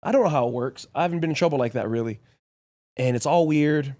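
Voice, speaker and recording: A man's voice: a little high, a little mellow. A young man hosting a podcast, telling a story casually in short, blunt, profane bursts. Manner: blunt and profane, rapid anecdotes in short clauses. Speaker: podcast host.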